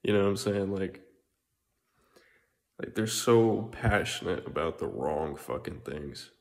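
Deep, creaky-voiced man; rambling, filler-heavy, profane monologue. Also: lively intonation, measured pace. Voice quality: frequent filler words and swearing, repetitive. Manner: meandering, restarts, occasional laughs.

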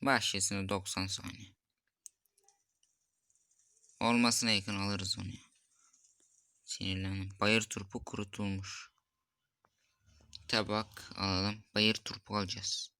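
A young man comments on a cooking game in an unhurried, drawn-out way. His voice sits a little low but has a bright, sharp edge. He mutters, reads the recipe steps aloud and grows openly exasperated when things go wrong. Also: little pitch movement, clear, resonant tone, dry recording. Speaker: gameplay streamer. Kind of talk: casual gameplay commentary.

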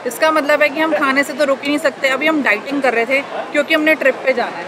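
A young woman vlogs from an outdoor farmers market, holding the camera at arm's length and chatting with viewers, whom she calls "bhai," while mixing in English. Her voice is high and quick, competing with loud music and crowd noise around her.

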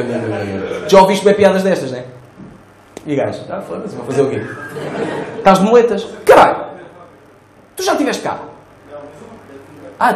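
A male stand-up comedian with a European Portuguese accent, doing crude, animated crowd work on stage. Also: high-pitched. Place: comedy stage before a live audience. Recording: roomy live venue with laughing crowd.

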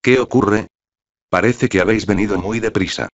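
A weary, gentle king speaks mildly and with resignation, as a man reading the story puts him on. His voice sits very low and deep. The sound is dull and lo-fi, like a home-made audiobook. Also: normal speed, close to an everyday voice. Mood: curious.

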